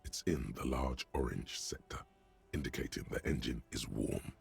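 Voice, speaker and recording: A brooding, wry inner-voice narrator from a video game. His voice sits extremely low, rough with fry and husky texture. He delivers each line in a measured, poetic way. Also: no room sound, heavily acted. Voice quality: very deep gravelly voice.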